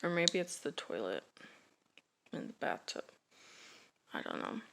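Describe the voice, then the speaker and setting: A woman's voice: on the low side, very animated, fairly bright tone, a little hiss or hum. Sleepy-sounding woman vlogger, talks in circles, lots of um and like, sighs here and there. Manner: rambling, halting, yawning, with sighs and laughs. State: drowsy. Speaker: family vlogger. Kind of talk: casual chat to camera.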